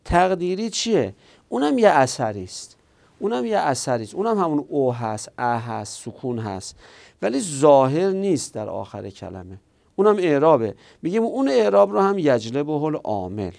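A man's voice: a little high, sing-song, creaky, darkish tone. A man teaching Arabic grammar in Persian, working through each rule step by step and asking questions that he answers himself. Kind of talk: explanatory lesson.

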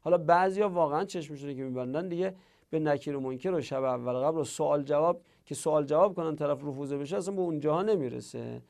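Gravelly man teaching grammar in chanted lists. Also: a little high. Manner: recites verb forms in chanted lists, swinging loud and soft. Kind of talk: lecture on Arabic grammar.

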